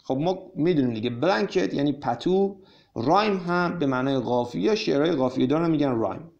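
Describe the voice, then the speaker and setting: A man teaching English vocabulary, reading story sentences slowly and then explaining them quickly to his students. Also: on the high side, lively intonation, creaky, darkish tone, lo-fi sound. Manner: addresses students directly.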